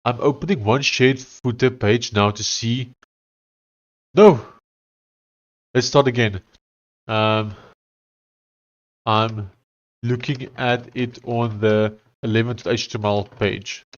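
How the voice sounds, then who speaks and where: A man's voice: mid-range voice, fairly even intonation, a little slow, dull audio. A man with an Afrikaans South African accent and a blocked nose, chatting casually on a livestream as he works. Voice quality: congested, blocked-nose sound. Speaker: live streamer. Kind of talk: casual livestream chat while coding.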